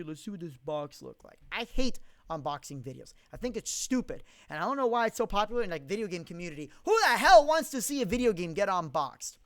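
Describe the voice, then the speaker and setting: High-voiced blunt man ranting on a live stream. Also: a bit bright, no echo. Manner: blunt and profane, rants with strong opinions. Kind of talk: casual live-stream Q&A, reading out comments. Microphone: studio condenser mic.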